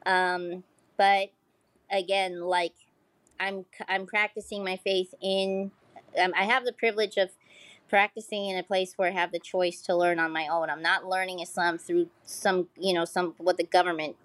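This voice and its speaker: Speaking with a fairly low, somewhat bright voice, an American woman who pole dances chats openly as a podcast guest. Her delivery is flat and moderately paced, full of swearing and "like," with no room sound.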